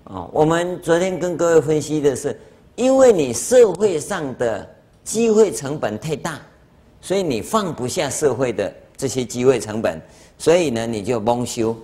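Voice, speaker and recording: A Buddhist master speaks in a mid-range voice at normal speed, with a Taiwanese Mandarin accent, lecturing on the dharma in a lecture hall. He tells lively anecdotes, acting out conversations and chuckling as he goes.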